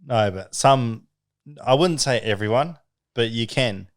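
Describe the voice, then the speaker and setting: A man's voice: mid-range voice, expressive, unhurried, dry recording, clean studio sound. An Australian man co-hosting a podcast, insisting on his point and laughing often. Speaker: podcast co-host. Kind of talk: casual banter.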